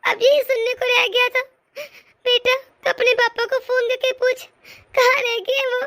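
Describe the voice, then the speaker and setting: A woman voicing a gentle, resigned mother in a cartoon, crying as she speaks. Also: very high voice, level tone, measured pace, full character voice. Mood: tearful. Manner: resigned, soft-spoken. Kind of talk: animated cartoon voice acting.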